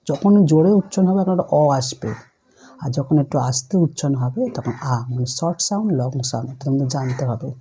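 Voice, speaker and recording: A woman's voice: sits low, dark tone, breathy edge. A woman teacher patiently explaining a lesson to young pupils step by step, asking them questions as she goes. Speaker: primary school teacher. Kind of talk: online class lesson.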